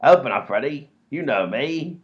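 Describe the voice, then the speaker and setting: The dull lo-fi recording captures a man acting a bumbling, self-assured and dim robber with a blustering mood for a comedy radio play. He uses a mid-range voice with lively intonation at a moderate pace, close to how he'd speak every day.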